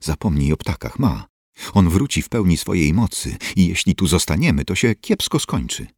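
A man's voice: low-pitched, very animated, normal speed, a little mellow, husky, dry recording, studio quality, exaggerated voice. A man voicing a frightened grown son who urgently pleads with his mother to leave. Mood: pleading.

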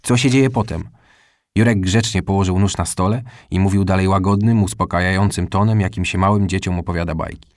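A man reading a children's story aloud in calm, scripted narration. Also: low-pitched, quick pace, no room sound, studio quality. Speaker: audiobook narrator.

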